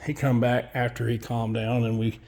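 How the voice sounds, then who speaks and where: A man's voice: mid-range voice, flat delivery, normal speed, gravelly, darkish tone. A man, a construction worker giving a casual walkthrough of a building site, blunt and profane as he tells his story.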